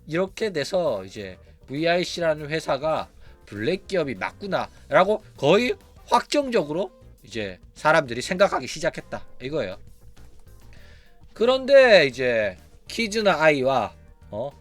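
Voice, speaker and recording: A man talks through an online commentary in a loose, blunt way and keeps tossing in rhetorical asides. His voice sits a bit high and swings up and down a lot. Soft music plays faintly behind him. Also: unhurried. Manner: animated, frequent rhetorical "어?" asides, blunt and slangy. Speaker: VTuber news channel host. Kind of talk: casual commentary.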